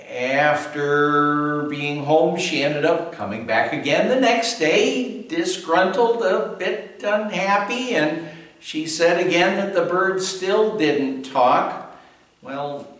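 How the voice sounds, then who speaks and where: Slow-speaking pastor in an echoey room. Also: male voice, on the high side, a bit bright, recorded from a distance. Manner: storytelling with a joke, then earnest reflection. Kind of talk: devotional sermon.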